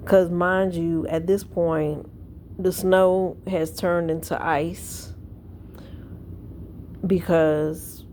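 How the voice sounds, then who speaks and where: A woman's voice: on the low side, mellow, a little hiss or hum. A woman vlogging from home in casual chat, tired and yawning, telling a rambling story. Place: at home indoors.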